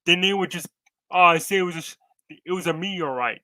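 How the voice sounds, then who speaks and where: A man's voice: high-pitched, fairly quick, bright, forceful tone, dry recording, rough recording. A man in his twenties co-hosting a podcast over a video call, rambling casually and laughing often. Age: 20s. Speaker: podcast co-host.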